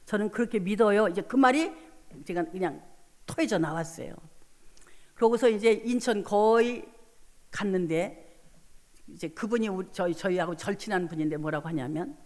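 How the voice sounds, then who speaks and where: A woman's voice: medium pitch, normal speed, darkish tone. Woman preacher, fervent testimony in a reverberant hall. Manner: retells conversations, rising to fervent prayer. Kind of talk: revival sermon testimony. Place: church sanctuary.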